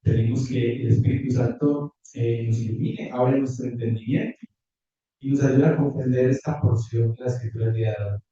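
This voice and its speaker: A man preaching a sermon and reading scripture in a measured, careful way, recorded from afar in a church hall. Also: mid-range voice, fairly even intonation, dark tone. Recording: distant, echoey, muffled church audio.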